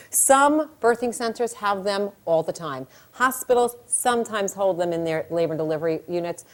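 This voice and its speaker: A middle-aged woman, a labor nurse and childbirth educator, teaching a class in a chatty, animated way and telling stories from the delivery room. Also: mid-range voice. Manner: animated storytelling, acts out quotes, chatty.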